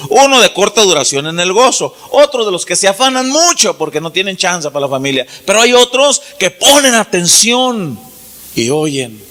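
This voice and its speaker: A man preaching a sermon as pastor, pausing dramatically and acting out quoted dialogue. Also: high-pitched, bright, forceful tone.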